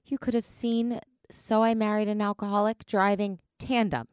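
A woman's voice: medium pitch, steady tone, normal speed, clean tone, no room sound, studio quality. A woman co-hosting a podcast, trading casual banter and stories. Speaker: podcast co-host.

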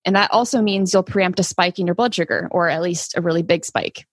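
A woman's voice: fairly low pitch, fairly quick, no room sound. A woman hosting a podcast, presenting in a conversational way. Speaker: podcast host.

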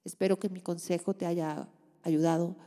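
Woman, tender advice monologue, soothing endearments, lowish pitch, reverberant sound. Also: fairly even intonation, moderate pace, mellow. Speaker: relationship advice host. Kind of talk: advice monologue answering listener letters.

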